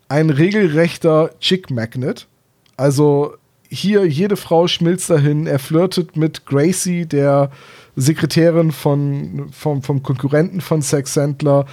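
A German man in his thirties co-hosts a podcast, chatting casually and with enthusiasm, and teasing now and then. His voice is slightly high with a dark tone.

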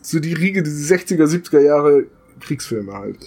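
A man's voice: a little high, expressive, normal speed, creaky, mellow, husky. A man chatting casually as a podcast co-host, telling stories with amusement. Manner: chatty storyteller, retells jokes with amusement. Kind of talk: casual chat.

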